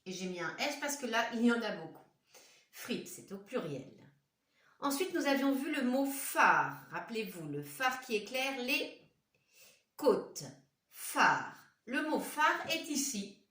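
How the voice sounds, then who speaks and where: With big pitch swings in a fairly bright, high-leaning voice, a woman primary teacher teaches phonics to young children, slowly sounding out each word by syllable and questioning them directly. She's in a classroom or home room with a whiteboard, recorded by a distant mic that leaves an echoey sound.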